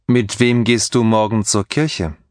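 A man reading scripted textbook dialogue for a language course with slow, careful enunciation. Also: lowish voice, steady tone, darkish tone, dry recording, clean studio sound.

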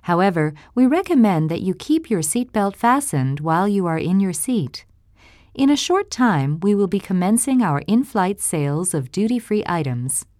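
A woman reading formal in-flight announcements in a polite, measured way, like a flight attendant. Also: medium pitch, sing-song, a little mellow, dry recording, clean studio sound.

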